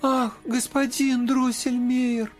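A man's voice: very high-pitched, little pitch movement, slow, faint music behind, voice pushed up. A man voicing a small, tender-hearted girl who pleads tearfully in a storybook reading. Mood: pleading.

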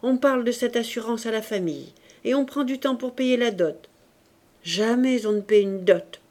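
A man's voice: very high-pitched, moderate pace, darkish tone, voice pushed up. A woman reading the part of a sly, falsely sentimental rich old uncle who blusters and wheedles.

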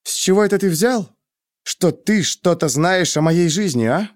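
A male audiobook reader voicing a proud, quick-tempered young woman who speaks in a sharp, scornful, heated way. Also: high-pitched, expressive, no room sound, clean studio sound, voice pushed up. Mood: furious. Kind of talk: audiobook character reading.

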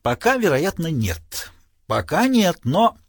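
Man voicing grumpy police inspector, blustering threats, lively pitch, dry close sound. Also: slow pace, no room sound, heavily acted. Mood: warning. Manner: grumbling, menacing, blustering. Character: gruff, irritable male police inspector, threatening.

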